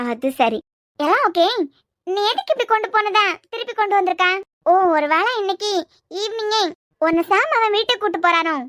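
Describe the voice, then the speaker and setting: A woman's voice: very high voice, animated, a little fast, fairly bright tone, dry recording, studio quality. A woman with a Kanyakumari Tamil accent, voicing a teasing, blunt young female friend in a cartoon series. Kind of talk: cartoon web-series voice acting.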